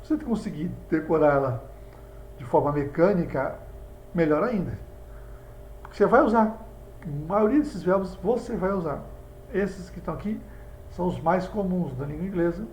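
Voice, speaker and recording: High-voiced Brazilian teacher in echoey room. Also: male voice, lively intonation, moderate pace, long pauses, darkish tone. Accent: Brazilian Portuguese. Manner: explanatory, talks students through examples on a board. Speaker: English teacher. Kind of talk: video lesson. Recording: echoey room with faint background hum.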